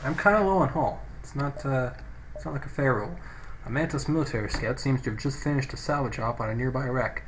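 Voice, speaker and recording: A man's mid-range voice runs a little fast over background noise as he provides casual let's play commentary. Using a poor-quality microphone, he reads the game's text and thinks out loud.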